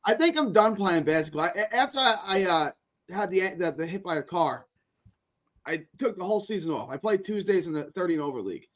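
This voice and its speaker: A man's voice: high-pitched, animated, fairly quick, a bit bright. A man in his forties telling stories in casual sports chat, often stumbling and repeating words. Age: 40s.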